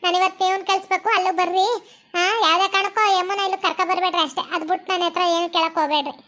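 A woman's voice: extremely high pitch, flat delivery, racing, a bit bright. A woman playing a bossy village woman who insists on her advice, in a village family drama. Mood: insistent.

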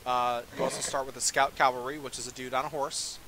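A man's voice: medium pitch, flat delivery, fast, pushed and bright, slight background noise. A young man giving a casual, rambling walkthrough of a strategy game, full of fillers and self-deprecating asides. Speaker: game tutorial presenter. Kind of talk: casual gameplay commentary.

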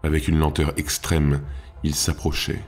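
Super deep guy reading a fantasy thriller audiobook, slow and dramatic, soft music under. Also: completely flat delivery, slightly rough. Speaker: audiobook narrator. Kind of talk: scripted audiobook narration.

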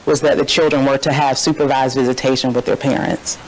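A woman's voice: a bass voice, little pitch movement, a little fast, rough recording. A woman questioning a witness in a courtroom, hesitant with many fillers but pointed in her questions. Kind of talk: courtroom cross-examination.

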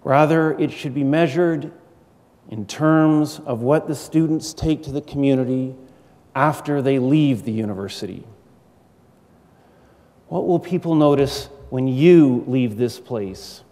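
Slow, measured male lecturer in echoey hall. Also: medium pitch, dark tone. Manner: measured, earnest, rhetorical with deliberate pauses. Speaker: university lecturer. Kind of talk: prepared formal speech. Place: large university auditorium stage. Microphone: gooseneck podium microphone. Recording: echoey hall with long reverb.

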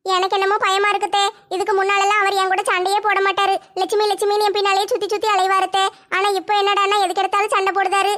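A woman's voice: extremely high pitch, monotone, fast talker, few pauses, a bit bright. A woman voicing an anxious, heartbroken young village wife, complaining plaintively.

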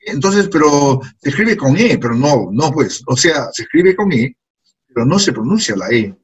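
A man's voice: on the high side, very animated, normal speed, slightly rough, poor audio. A man teaching an English class in to a group of students, patiently repeating words and phrases. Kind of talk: classroom lesson.

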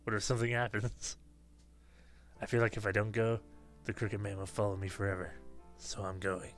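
A man's voice: on the low side, level tone, moderate pace, faint music behind. A man playing through a horror game, reading the on-screen dialogue aloud with casual commentary and self-mocking laughs. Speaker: gamer.

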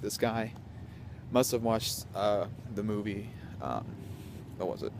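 A young man telling a story to a handheld camera on a city street at night, hyper and animated, dropping to whispers at times. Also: on the low side, slow pace, background noise. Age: young adult. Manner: hyper, animated, swings between loud and whispering. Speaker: vlogger. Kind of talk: casual storytelling vlog. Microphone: handheld camera at arm's length.

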